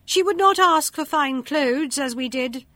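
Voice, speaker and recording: Woman doing jealous sisters, shrill, sneering, high, dry. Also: measured pace, a bit bright, dry recording. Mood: spiteful. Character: spiteful, jealous older sisters.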